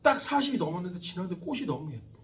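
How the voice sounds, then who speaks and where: A man in his forties teaching a science class, lively and chatty, often questioning his students. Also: high-pitched, racing, echoey room, far from the mic. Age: 40s. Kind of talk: classroom lecture.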